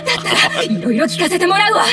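Bossy teenage anime club president, high voice, swinging intonation, solemn then indignant, music behind. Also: female voice, very animated, very fast, far from the mic. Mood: excited. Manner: solemn intoning that breaks into loud, indignant outbursts. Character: bossy, excitable teenage girl club president, obsessed with telepathy. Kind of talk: anime voice acting.

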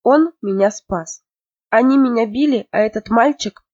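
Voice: mid-range voice, normal speed, no echo, lightly acted. A storyteller voicing a frightened young girl who pleads hesitantly through tears, in a dull, dry recording. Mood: tearful.

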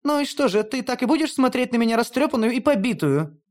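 A reader voicing a proud, haughty female goddess of death in an audiobook, speaking high and pleading. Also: expressive, fast talker, darkish tone, close to an everyday voice. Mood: coaxing. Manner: lofty, pleading, high-pitched.

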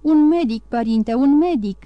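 A woman's voice: high voice, no room sound, highs cut off, lightly acted. Woman putting on a dying man crying for help. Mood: pleading. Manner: pleading, gasping cries for help. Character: dying wounded male ex-convict, desperate.

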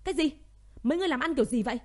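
A grief-stricken army general, a middle-aged man who shouts and then breaks down crying, put on by a woman narrating the tale. The voice sits higher and louder than her narration, with a mellow, warm tone. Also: animated, racing. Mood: angry.

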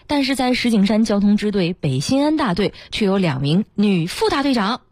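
A woman's voice: mid-range voice, big pitch swings, a little mellow, no echo. A female radio co-host, retelling a news item and chatting with her partner in a studio. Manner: brisk backchannels, reads news items smoothly.

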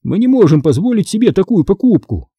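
A man's voice: high-pitched, sing-song, fairly quick, dark tone, slightly rough, no room sound, voice pushed up, full character voice. A man reading aloud, voicing a cautious, thrifty father who measures his words and doubts the deal. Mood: doubtful.

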